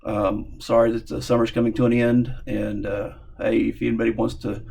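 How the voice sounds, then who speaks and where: A man from the American South with a Southern accent, giving a casual opinion monologue to viewers in a halting, repetitive, folksy way. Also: mid-range voice, flat delivery, vocal fry, mellow, breathy edge. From Southern United States. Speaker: amateur video commentator.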